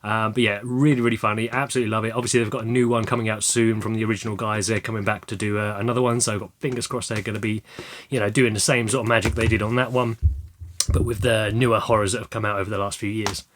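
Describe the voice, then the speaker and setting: A young man talking casually about his film collection, rambling with many ums and restarts, his throat slightly croaky. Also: on the low side, little pitch movement, fast talker, a little hiss or hum. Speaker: video creator showing a film haul. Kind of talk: casual chat.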